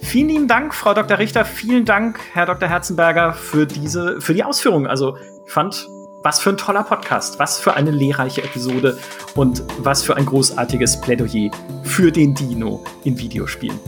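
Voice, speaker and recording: A man's voice: fairly high pitch, animated, normal speed, music in the background. A man hosting a podcast, enthusiastic and exclamatory in casual conversation. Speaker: podcast host.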